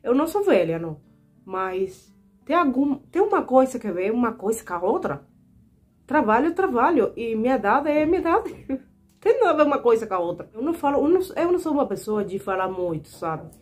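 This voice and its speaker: A Cuban woman in her twenties vlogs to camera, telling personal stories in a Cuban Spanish accent with earnest indignation and repeatedly calling her viewers "gente." Her voice is fairly high and somewhat dark in tone, swinging widely in pitch at a fairly quick clip. Faint music plays behind her.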